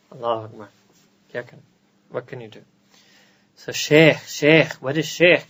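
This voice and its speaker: An American man, a scholar, giving a conversational religious lecture to a gathering with quick joking asides. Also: mid-range voice, poor audio. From United States.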